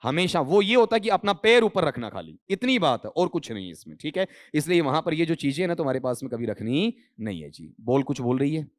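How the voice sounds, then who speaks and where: Higher-voiced man teaching a class. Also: sing-song, fairly quick, few pauses, no room sound, studio quality. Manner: calls students beta, asks the class questions, then answers them himself; mixes English grammar terms into his Hindi. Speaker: English teacher. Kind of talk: classroom lecture.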